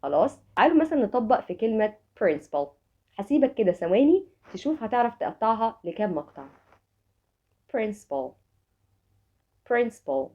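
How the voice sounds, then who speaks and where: A woman with an Egyptian Arabic accent teaching English vocabulary online, speaking to the viewer directly and drilling each word slowly, syllable by syllable. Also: fairly high pitch, big pitch swings, dark tone, lo-fi sound.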